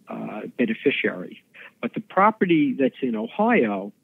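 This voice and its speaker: A man, an attorney guest on a podcast, explaining legal matters quickly with many fillers and restarts. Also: mid-range voice, husky, dry recording. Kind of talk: podcast interview explaining law. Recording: tinny phone-like line.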